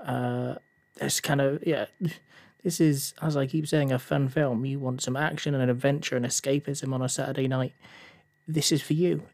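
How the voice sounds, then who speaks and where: A man's voice: mid-range voice, fairly even intonation, moderate pace, vocal fry, darkish tone, no room sound. Casual man hosting a film podcast. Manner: casual, hesitant with many fillers, rising into a heated rant. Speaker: podcast host. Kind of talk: solo film review podcast.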